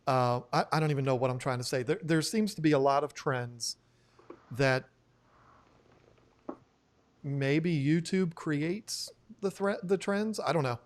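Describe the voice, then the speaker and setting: Male live-stream host, fairly high voice, loose and rambling, laughs easily. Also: unhurried, pauses often. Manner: rambling, laughs often, trails off mid-sentence. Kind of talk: casual live-stream chat. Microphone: new studio microphone.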